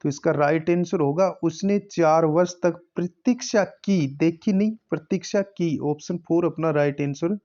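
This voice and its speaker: Mellow-voiced Hindi exam tutor. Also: male voice, a little high, normal speed, few pauses, lo-fi sound. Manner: methodical, repeats each answer. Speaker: teacher. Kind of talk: exam paper solving lesson.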